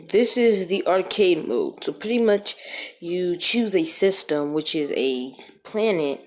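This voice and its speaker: A woman's voice: lowish voice, darkish tone. Casual woman in an echoey room. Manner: rambling, many fillers and restarts. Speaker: gaming video creator. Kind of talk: casual gameplay voiceover. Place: echoey room, different from usual.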